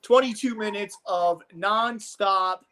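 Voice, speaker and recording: Over a noisy background, a high-voiced man from Omaha, Nebraska speaks slowly. He gives casual commentary on martial arts sparring, enthusiastic and rambling like a coach.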